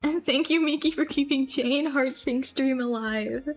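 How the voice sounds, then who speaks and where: A woman's voice: high-pitched, measured pace, soft background music. A woman streaming a casual chat with viewers, playful and giggly, often slipping into silly voices. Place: grandmother's house.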